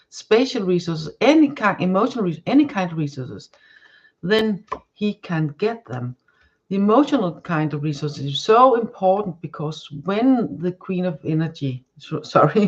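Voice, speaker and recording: This live-stream tarot reading features a woman, a native Danish speaker, whose voice sits on the low side. She struggles to find her words, with many restarts and fillers. The audio sounds dull.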